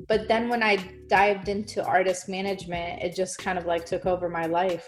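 A woman talking casually as an interview guest, chatty and full of fillers. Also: lowish voice. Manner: chatty, fillers like "like" and "you know". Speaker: music marketing guest.

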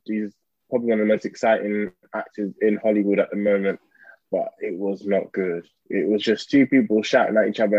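A man's voice: lowish voice, a little mellow, no echo, muffled recording. A man with a London accent hosting a podcast in casual, slangy chat. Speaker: podcast host.

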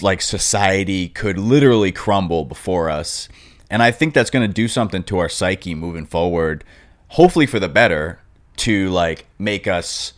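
A young man hosting a casual interview, talking informally. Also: deep voice. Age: young adult. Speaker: podcast host.

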